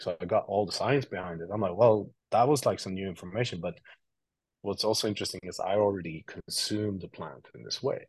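A man from Sweden in his thirties, a guest telling stories in a relaxed, rambling way with lots of fillers. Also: low-pitched, breathy edge, dry recording, low-quality recording. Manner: relaxed storytelling with many fillers and restarts. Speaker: guest, creative officer. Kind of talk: casual interview talk.

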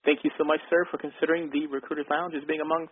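A man hosting a podcast in casual chat, speaking haltingly and repeating himself. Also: fairly high pitch, little pitch movement, slightly rough. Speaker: podcast host. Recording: tinny, phone-like band-limited sound.

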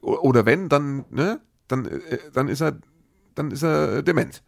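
A middle-aged man spins a personal anecdote in loose, chatty fashion, circling back and restarting his sentences. His voice is deeply gravelly with a rough, husky edge, at an ordinary middle pitch. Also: animated, measured pace, dry recording, studio quality. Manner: rambling, restarts often, asides to listener. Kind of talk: casual anecdotal storytelling.

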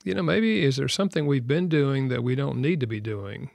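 An older man hosting a conversation, speaking in a measured, reflective way with frequent "uh, you know". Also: mid-range voice, vocal fry, a little mellow, no echo. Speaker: host. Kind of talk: casual chat.

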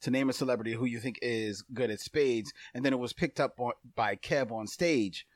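A man's voice: mid-range voice, no room sound, studio quality. A man co-hosting a podcast in casual chat, curious and questioning, reading aloud at times. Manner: curious, questioning, quick to laugh. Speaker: podcast co-host.

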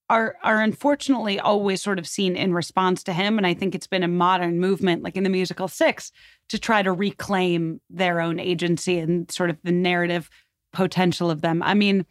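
A woman guest on a podcast speaks at length with a fairly low voice, rambling and emphatic in a conversational way, as though recounting a historical story. The recording is dry and studio quality.

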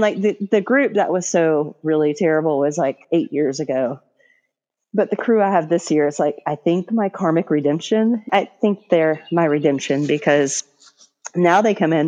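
A woman's voice: low-pitched, normal speed, warm tone, dull audio. A woman middle school teacher co-hosting a podcast, telling chatty anecdotes with laughs. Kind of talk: casual chat.

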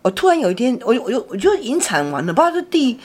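A middle-aged woman, telling a personal story in casual chat. She talks in an animated way, with many restarts and repeated words. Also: on the high side, quick pace. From Taiwan. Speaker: podcast co-host, mother.

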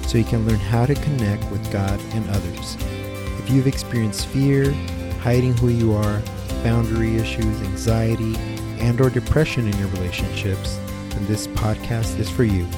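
Casual male podcast host. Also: on the low side. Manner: friendly and casual, frequent "um" and "like". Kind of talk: podcast interview.

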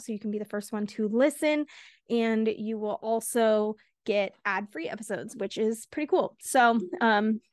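A woman hosting a casual solo podcast, chatty and quick, a little out of breath, laughing between words. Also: on the high side, dry recording, clean studio sound. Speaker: podcast host.

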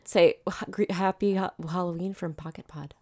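A woman's voice: on the low side, fairly even intonation, darkish tone. A woman co-hosting a podcast, joking and laughing easily in casual chat. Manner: playful, quick to laugh. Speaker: podcast co-host.

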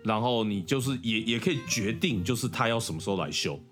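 Low-voiced man chatting with laughs. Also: fast talker. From Taiwan. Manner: laughs often, lively storytelling. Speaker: podcast co-host. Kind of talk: casual chat. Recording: faint guitar music behind.

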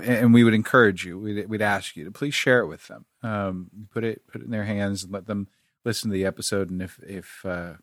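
A man's voice: lowish voice, no room sound, studio quality. A man co-hosting a podcast, talking casually with many fillers and restarts as he reads out show business. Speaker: podcast co-host.

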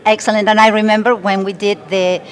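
A woman from Argentina, a company president, speaking in a measured, formal way as a guest in a conference interview. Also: medium pitch, flat delivery. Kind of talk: conversational interview. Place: conference expo floor.

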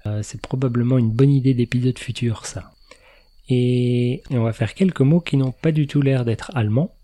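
Man, podcast host, casual explanatory chat, mellow dark voice, mid pitch. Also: normal speed. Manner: chatty, laughs at his own remarks.

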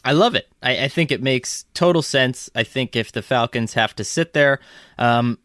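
A man's voice: mid-range voice, moderate pace, a bit bright, no echo, clean studio sound. A man co-hosting a sports podcast in a loose, rambling way, with frequent restarts. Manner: rambling, lots of ums and restarts. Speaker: podcast co-host. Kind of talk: casual sports podcast chat.

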